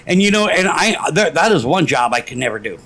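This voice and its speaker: A man's voice: on the high side, very animated, a little fast, fairly bright tone, low-quality recording. Profane laughing podcast guy. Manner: profane storytelling, laughs a lot. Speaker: podcast co-host. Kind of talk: casual drinking-podcast chat.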